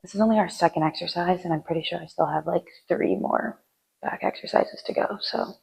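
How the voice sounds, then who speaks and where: A woman's voice: on the low side, fairly quick, creaky, darkish tone, breathy edge, rough recording. A woman chatting through her gym workout, giving casual lifting tips between sets, sometimes out of breath. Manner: chatty, rambling, with fillers. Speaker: fitness vlogger.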